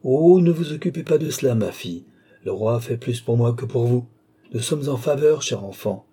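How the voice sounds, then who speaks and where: A man's voice: medium pitch, lively intonation, normal speed, mellow, husky. A man reading an audiobook, playing a vain, scheming old baron who talks with irony and cool command. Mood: ironic. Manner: ironic, coaxing, commanding.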